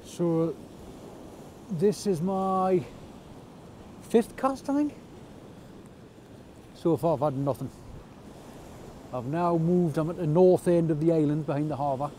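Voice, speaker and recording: Geordie-ish guy fishing off the rocks at night, mellow voice, bit of wind hiss on the camera mic, dry self-deprecating chat. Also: on the high side, animated, slow pace, pauses often. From North East England. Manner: chatty, self-deprecating, understated. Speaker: angler vlogger. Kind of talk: casual fishing vlog narration. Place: outdoors on rocky shore at night, wind and rain. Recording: outdoor camera audio with faint wind noise.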